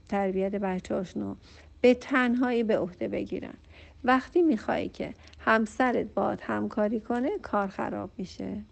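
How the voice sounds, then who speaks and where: A woman's voice: mid-range voice, creaky. A woman counselor answering a listener's question with emphatic, direct advice to a group, repeating her points and speaking straight to the listener.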